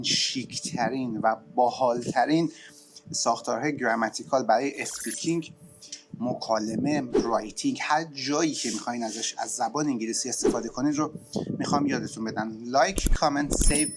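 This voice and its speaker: A man with a Persian accent teaching an English grammar lesson, speaking quickly in Persian and slowly stressing English examples. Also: mid-range voice, very noisy. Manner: switches between rapid explanation and slow, stressed example phrases.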